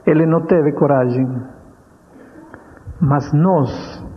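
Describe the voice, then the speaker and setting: A male preacher telling a story in a sermon, dramatic and drawing out key words slowly. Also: fairly high pitch. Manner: dramatic, with slow deliberate stretches. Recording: dull radio sound with long hall reverb.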